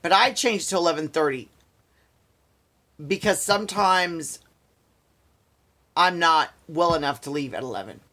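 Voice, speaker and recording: Gravelly guy venting on his vlog, keeps repeating himself, fed up. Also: a little high, lively intonation, a little slow, long pauses, sharp tone. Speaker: vlogger. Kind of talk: casual ranting story to camera.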